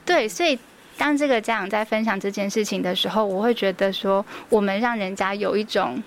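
A woman's voice: medium pitch, fairly quick. Earnest Taiwanese Mandarin woman teacher. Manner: earnest, storytelling, many fillers. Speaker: preschool teacher guest. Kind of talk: radio interview.

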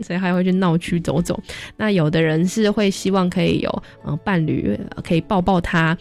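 A young adult woman, a social worker, telling stories in a radio interview and acting out the voices of people she quotes. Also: fairly low pitch. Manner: lively storyteller, acts out quoted voices.

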